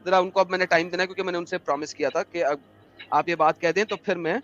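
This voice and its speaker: A man's voice: sits high, fairly even intonation, fairly bright tone, dull audio, a little hiss or hum. A man hosting a livestream debate, impatient and sarcastic, dropping English phrases into his talk. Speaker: debate host.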